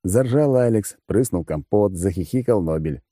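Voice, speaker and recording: A man's voice: on the low side, lively intonation, moderate pace, mellow, slightly rough, no room sound, studio quality. A man narrating a first-person story with a wry, crude manner. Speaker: audiobook narrator.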